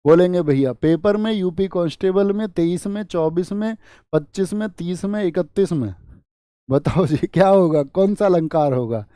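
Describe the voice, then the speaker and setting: A man's voice: high voice, moderate pace, dark tone, no echo, studio quality. A male teacher giving an online exam-prep lesson. He repeats key points and keeps putting quiz questions to his students. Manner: drills points by repeating them.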